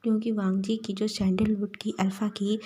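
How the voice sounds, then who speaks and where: A woman reading fan fiction aloud in a halting manner, often repeating words. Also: mid-range voice, flat delivery, dark tone. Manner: halting, repeats words, breathy half-whisper. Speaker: storyteller.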